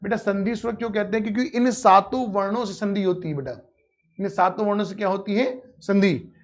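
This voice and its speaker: A man's voice: high-pitched, fairly quick. A man teaching grammar in a live online class, calling his students "beta" and answering his own questions. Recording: dull lo-fi audio.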